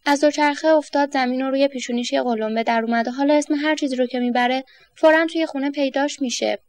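High-voiced woman reading a children's story. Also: fairly even intonation, darkish tone.

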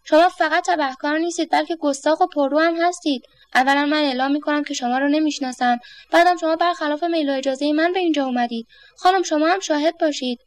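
A woman's voice: sits high, dry recording, voice pushed up, lightly acted. A woman voicing a flustered middle-aged man who wants peace at home, sarcastic and exasperated. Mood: outraged.

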